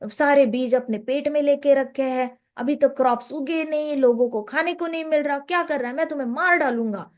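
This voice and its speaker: A stern, hot-tempered king bursts out in scolding threats, put on by a woman storyteller. The voice stays fairly high for a king and close to her everyday speaking voice. The delivery is indignant and commanding. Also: fairly quick, few pauses, lightly acted. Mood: angry.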